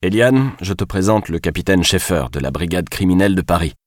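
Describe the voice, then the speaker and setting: Man reading, doing a bossy man investigator in a rush, low voice lifted a bit, dry. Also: expressive, fairly quick, no echo. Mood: commanding. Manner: firm, commanding. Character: hurried male investigator.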